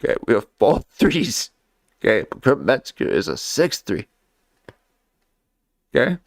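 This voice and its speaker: A man drawls slowly through a casual livestream, his low voice grainy with fry. He wanders from thought to thought and keeps tacking on "okay?" The sound is dry and close. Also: wildly swooping pitch, no room sound. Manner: rambling, fills nearly every pause with "okay?". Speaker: livestream reaction host. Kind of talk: casual rambling livestream commentary.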